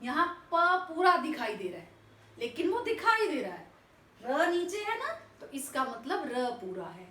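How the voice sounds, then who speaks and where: A woman teacher slowly and patiently spelling out words sound by sound, asking and answering her own questions. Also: sits high, wildly swooping pitch, bright, forceful tone, far from the mic. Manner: slow, patient, spells out each sound step by step. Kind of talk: classroom lesson explaining spelling. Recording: echoey room, voice off-mic, faint background noise.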